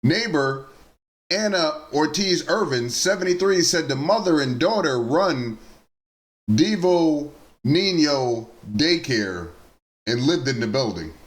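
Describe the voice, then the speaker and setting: A man with a fairly high voice that rises and falls a lot reads the news to his audience like family. He keeps slipping out of the report into plain, blunt remarks of his own. The tone stays informal and talky. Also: animated, slow pace. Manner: informal, addresses viewers as nieces and nephews; reads the reports, then adds blunt personal asides. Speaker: news commentary vlogger. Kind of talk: reading news stories aloud and commenting.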